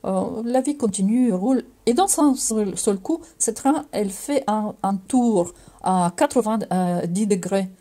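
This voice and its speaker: A middle-aged Ukrainian-accented woman tells her religious testimony with a mellow, soft-edged tone. She speaks earnestly but haltingly, pausing on fillers and restarting her phrases. Her pitch sits at an ordinary middle height. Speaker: believer giving testimony.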